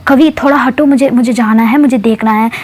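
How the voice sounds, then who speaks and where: A pushy schoolgirl obsessed with selfies, put on by a woman storyteller, her voice pitched high and pleading. She whines and insists, fussing to get her way. It has the feel of a casually told spoken story. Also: fairly even intonation, fairly quick, husky.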